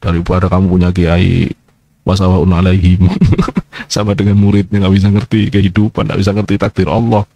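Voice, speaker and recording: A man giving an informal sermon as a kiai, scolding and mocking his listeners, sliding from low murmurs into sharp high outbursts. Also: monotone, fairly quick, no echo. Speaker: kiai, Islamic preacher.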